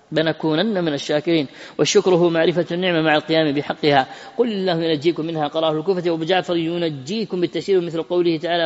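A man's voice: fairly high pitch, a little mellow. A man reading a classical Quran commentary aloud at speed, stumbling and repeating words as he goes. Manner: rapid reading with self-corrections and repeated words. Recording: dull lo-fi audio with long reverb.

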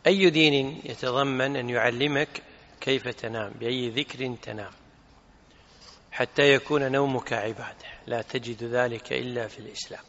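A man's voice: medium pitch, sharp tone. A man teaching a religious lesson, explaining a text emphatically and posing rhetorical questions. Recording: reverberant hall, dull lo-fi sound.

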